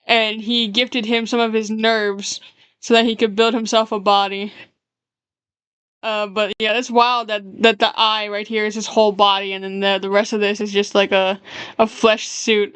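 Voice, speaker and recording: A woman's voice: medium pitch, fairly bright tone, clear, resonant tone, no echo. A woman streamer chatting casually while drawing, rambling as she explains her characters. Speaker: streamer and artist.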